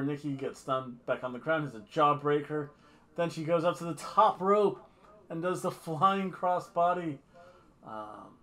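A fairly high, somewhat bright male voice belongs to a middle-aged man hosting reviews from a small home room via webcam. He jokes around, wanders off topic casually, and sometimes adopts mock accents.

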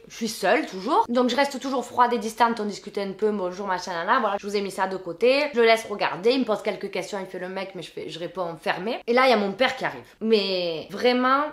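Slangy young woman, echoey. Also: fairly high pitch. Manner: lively, slangy, swears, plays out scenes. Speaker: storyteller vlogger. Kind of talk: casual storytime vlog.

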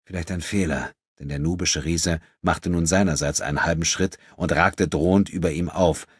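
A man with a very low, husky voice reads an audiobook in a steady, measured way. The sound is dry and close, with no room around it. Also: no echo. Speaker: audiobook narrator. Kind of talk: scripted narration.

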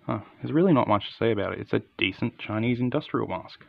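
A man's voice: lowish voice, quick pace, vocal fry, no room sound, highs cut off. A man giving a casual, unscripted hands-on product review in an understated, matter-of-fact way.

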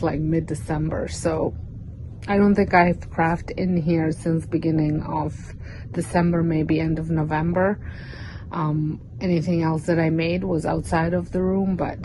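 A middle-aged home organizing vlogger gives a casual tour of her basement craft room, chatty and rambling with frequent fillers and restarts. Her voice is fairly low, there's noise in the background, and she films on a phone camera, both handheld and on a stand.

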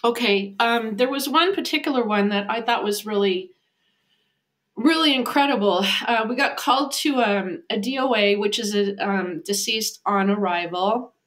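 Speaking at a moderate pace with a medium, slightly bright voice, this American woman in her fifties shares a colorful story during a podcast interview. She is an animal communicator joining by video call on a webcam from her home office, performing the voices of the people she quotes.

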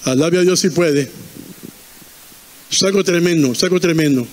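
High-voiced fervent male preacher. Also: normal speed, long reverb tail. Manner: fervent, repeating and quizzing the congregation. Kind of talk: sermon.

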